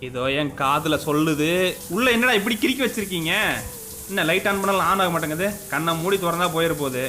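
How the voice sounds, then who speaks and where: A man's voice: fairly high pitch, expressive, a little fast, pushed and bright. A man hosting a let's-play of a horror game, panicking and scolding the game's ghosts aloud as he goes. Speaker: gaming channel host. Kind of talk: let's-play gaming commentary. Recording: game music playing behind the voice.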